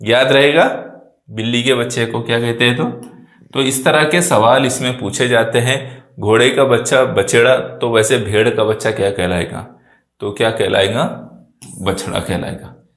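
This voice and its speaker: Male teacher, mid-pitched voice, exam-prep lesson, quizzing and repeating answers, roomy echo. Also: fairly even intonation, normal speed, fairly bright tone. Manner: repeats each answer as a question to the class. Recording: echoey room.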